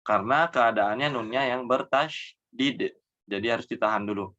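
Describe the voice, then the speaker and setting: A man teaching Quran recitation rules, explaining each mistake, then reciting the words slowly and drawn out, dropping softly at the ends of phrases. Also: medium pitch, muffled recording. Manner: trails off softly after each example. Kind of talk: tajwid lesson with slow demonstration recitation.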